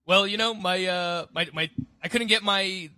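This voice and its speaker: Co-host: high, very bright young man, joking and self-mocking, dry close mic. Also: normal speed, no room sound. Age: 20s. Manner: playful, self-mocking, laughs often. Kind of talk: casual podcast chat.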